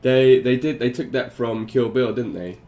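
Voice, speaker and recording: A man's voice: medium pitch, moderate pace, dark tone. A man streaming live, reacting to a video with sarcastic commentary, laughing often and talking to his chat.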